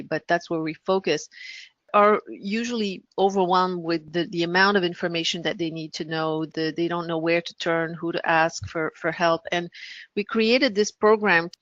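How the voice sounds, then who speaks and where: A woman from France speaking as an interview guest, explaining things conversationally and thoughtfully, pausing to rephrase. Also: on the low side, fairly bright tone, no room sound, muffled recording. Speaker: podcast guest, business founder.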